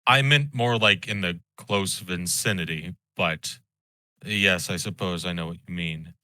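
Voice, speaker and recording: A man with a deep voice and a bright, forceful edge, playing his character at a tabletop game. He speaks calmly and reassuringly, in measured phrases, and the recording is close and dry. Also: no echo. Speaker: player. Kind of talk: tabletop role-play in character.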